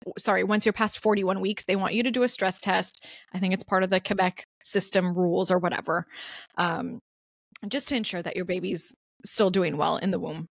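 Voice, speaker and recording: A young woman, a guest mother in a casual interview, telling her story in a lively way, laughing often and acting out the people she quotes. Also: lowish voice, brisk, creaky, no echo.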